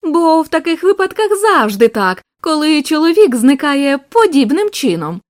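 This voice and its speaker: Woman reading a blunt male inspector: offhand and worldly, high lively voice, dry audiobook read. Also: moderate pace, no room sound. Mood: breezy.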